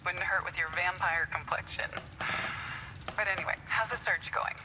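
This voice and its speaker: An actress playing a caring, steady woman friend who reassures and gently teases. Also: on the low side, moderate pace, noisy background, natural voice. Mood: warm. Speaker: friend on the phone. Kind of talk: video game voice acting.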